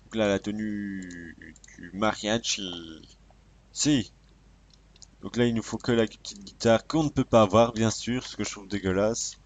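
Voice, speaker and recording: A man's voice: on the low side, steady tone, moderate pace. A man casually commenting while showing off a game mod, joking and swearing as he plays, recorded on a cheap microphone. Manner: casual and profane, joking, mutters to himself while playing. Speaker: gamer showcasing a mod. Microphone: cheap desk microphone. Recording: cheap mic with faint background noise. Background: keyboard clicks and typing.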